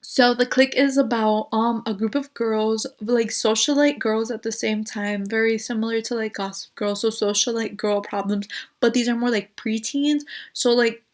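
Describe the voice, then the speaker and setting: A woman's voice: fairly high pitch, fairly even intonation, moderate pace. A young woman, a YouTuber, chatting casually about her favourite shows, gushing and saying "like" constantly. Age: young adult. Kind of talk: casual recommendation chat.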